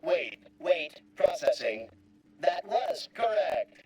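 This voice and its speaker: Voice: medium pitch, big pitch swings, takes it slowly, a little mellow. An actor voicing an officious, rigid bureaucratic machine in a video game, speaking in formal, stilted, wordy phrases. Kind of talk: scripted game dialogue.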